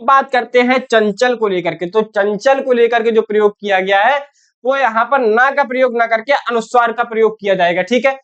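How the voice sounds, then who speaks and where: A woman's voice: a little high, moderate pace, clear, resonant tone, highs cut off. A woman teaching a Hindi spelling lesson to ninth graders. She keeps asking her pupils questions, says "theek hai" again and again, and calls them "beta". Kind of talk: online class lesson for 9th graders.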